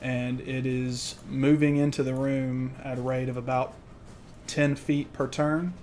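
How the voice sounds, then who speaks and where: A man improvising narration as game master of a tabletop game, explaining in a halting way. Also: mid-range voice, level tone, darkish tone. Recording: faint background noise.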